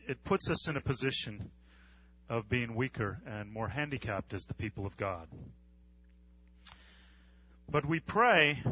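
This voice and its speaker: A male pastor from the United States preaching an earnest sermon, with measured pauses and repetition. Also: medium pitch, no room sound, dull audio.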